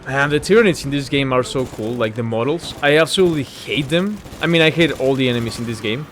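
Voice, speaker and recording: A man's voice: mid-range voice, fast. A man giving casual, rambling game commentary while he plays, easily sidetracked by the action. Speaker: gaming video host. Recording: clear background game noise.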